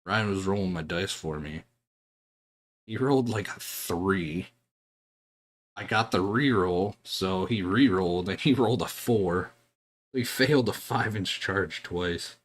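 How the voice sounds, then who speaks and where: A man's voice: deep voice, a little slow, a little hiss or hum. A young man streaming while he paints, telling stories in a laid-back way with swearing and chuckles. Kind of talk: casual chat while hobby painting.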